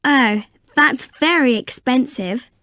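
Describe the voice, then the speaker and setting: Woman as a high-voiced, polite shop customer. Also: slow, pushed and bright, dry recording, clean studio sound, full character voice. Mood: polite, interested. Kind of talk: scripted language-lesson dialogue.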